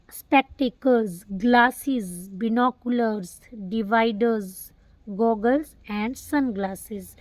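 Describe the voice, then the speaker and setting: A woman teacher giving a grammar lesson, explaining in Hindi and reading English example sentences slowly and carefully. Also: fairly high pitch, darkish tone, dry recording.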